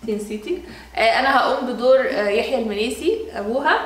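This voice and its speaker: A woman with an Egyptian accent hosting a vlog, chatting to viewers in an excited, giggly way. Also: on the high side, quick pace. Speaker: vlog host. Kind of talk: casual chat to viewers. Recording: roomy room echo.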